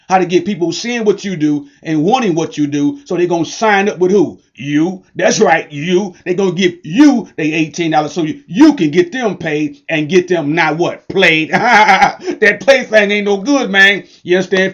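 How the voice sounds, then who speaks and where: High-voiced man giving a hyped sales pitch. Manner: preachy, repetitive call-and-response hype in casual slang. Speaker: online business promoter. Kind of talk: energetic sales pitch to camera. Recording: dull lo-fi recording.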